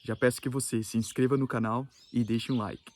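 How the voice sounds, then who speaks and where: A man's voice: medium pitch, little pitch movement, a little fast. Brazilian man explaining English words. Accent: Brazilian Portuguese. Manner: explains word differences plainly, mixing in English examples. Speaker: YouTuber. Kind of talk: casual explanatory vlog.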